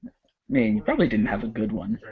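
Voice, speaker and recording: A game master narrating a casual tabletop game, lively and halting, with many restarts. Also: medium pitch, creaky, narrow, tinny audio.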